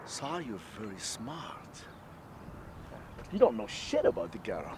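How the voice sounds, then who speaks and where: An actor playing a brash, swearing street hustler who offers himself as a guide, in a low-budget student film shot outdoors. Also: male voice, wildly swooping pitch, measured pace. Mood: cocky. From Morocco. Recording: noisy outdoor street sound.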